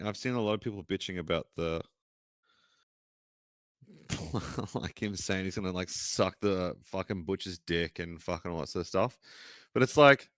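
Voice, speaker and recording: A man's voice: sits low, clean tone, no room sound. A man co-hosting a casual chat, blunt and swearing often, trailing off mid-sentence. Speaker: podcast co-host.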